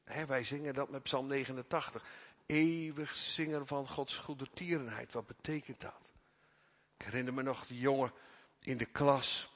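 A man preaching a sermon, swinging from quiet, intimate passages to loud, fervent emphasis. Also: mid-range voice, steady tone, normal speed. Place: church. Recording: long church reverb.

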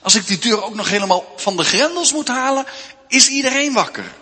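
A man's voice: sits high, lively intonation, normal speed, sharp tone, long reverb tail, pitched above the performer's own voice. A man playing a grumpy, irritated neighbor who has been woken at midnight. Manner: irritated, scolding.

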